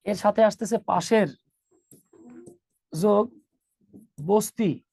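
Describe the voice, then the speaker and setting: A man's voice: high-pitched, steady tone, takes it slowly, creaky, dark tone. A man teaching an online English grammar class, joking with students and calling them 'baba'.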